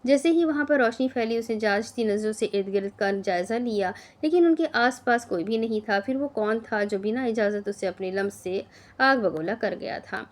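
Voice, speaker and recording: A woman reading a romance audio novel as narrator, in an expressive, dramatic manner. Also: on the high side, normal speed.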